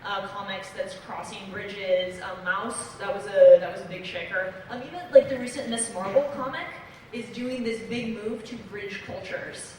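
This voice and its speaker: An earnest young woman from Belgium explains her points on a comics panel, pausing often on fillers. Her voice rings through a big convention hall from a distant microphone. A steady wash of crowd noise sits underneath. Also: medium pitch. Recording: echoey hall, distant mic, noisy.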